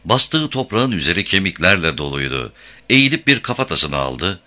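A man narrates a novel in a measured audiobook delivery. His voice is low yet strikingly bright and crisp. His pitch rises and falls in a lively way through the story. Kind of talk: scripted narration.

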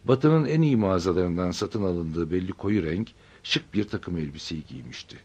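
Male audiobook narrator, low and husky, steady measured storytelling. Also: dull audio.

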